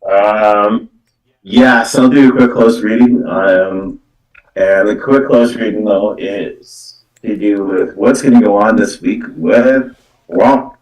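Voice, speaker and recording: A low-pitched man improvises spiritual card readings as a medium, his halting, repetitive phrasing full of verbal tics like "though" and "actually." His tone is steady and a little mellow, and he's recorded from a distance, a little way off the mic in an echoey room.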